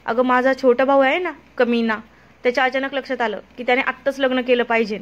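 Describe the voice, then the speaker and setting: A woman's voice: sits high, fairly even intonation, quick pace, close to an everyday voice. Chatty gossipy girlfriend woman voicing her, talks a lot, bit lo-fi. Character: chatty young woman friend, gossipy and lively.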